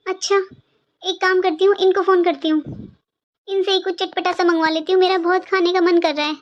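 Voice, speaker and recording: A woman plays a sad, pregnant young daughter-in-law in a cartoon, her extremely high-pitched voice moving a little fast in a complaining, self-pitying whine. The highs are cut off in the audio.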